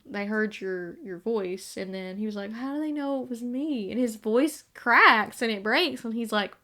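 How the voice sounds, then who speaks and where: A woman's voice: medium pitch, bright, forceful tone. A woman co-hosting a casual fan chat who laughs often and acts out lines from the show. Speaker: podcast co-host.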